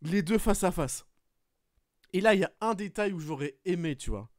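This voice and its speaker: Excitable high-voiced man recapping a match. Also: moderate pace, no echo, studio quality. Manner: animated play-by-play retelling, frequent swearing. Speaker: podcast host. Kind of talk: casual podcast chat, excited match recap.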